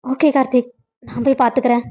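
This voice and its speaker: A woman voicing a kind young woman in a cartoon story, speaking softly and pleadingly. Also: high-pitched, level tone, fast, natural voice. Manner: soft, pleading. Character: gentle young woman, kind and caring friend.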